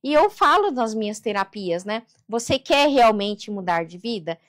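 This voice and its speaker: A woman's voice: on the high side, sing-song, normal speed. A woman with a Brazilian Portuguese accent, a therapist and coach telling her life story as an interview guest, earnest and faith-driven, often adding "né". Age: adult daughter of a seventy-year-old mother. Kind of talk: emotional personal storytelling.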